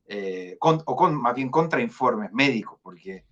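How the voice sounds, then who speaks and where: A Chilean man, director of a foundation, speaking as a guest in an online interview. He talks in a measured, hesitant way with many fillers and restarts. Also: mid-range voice, lively intonation, fairly bright tone, lo-fi sound.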